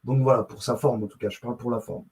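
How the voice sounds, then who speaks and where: Speaking fast in a steady, medium-pitched voice with a slightly mellow quality, this man hosts his own YouTube channel. The recording is rough. His casual screen-share commentary wanders as he muses, mutters, looks things up, and breaks off mid-thought.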